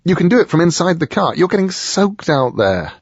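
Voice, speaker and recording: A man voicing an amiable, posh middle-aged Englishman who talks in a smooth, chatty way with hesitant fillers. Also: fairly high pitch, big pitch swings, a little fast, no echo, dull audio, voice pushed up, heavily acted. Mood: coaxing.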